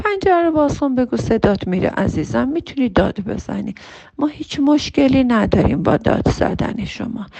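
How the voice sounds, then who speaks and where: A middle-aged woman giving advice to parents in a warm, coaxing talk, calling her listeners dear. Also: fairly high pitch, creaky, dry recording. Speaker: parenting advisor.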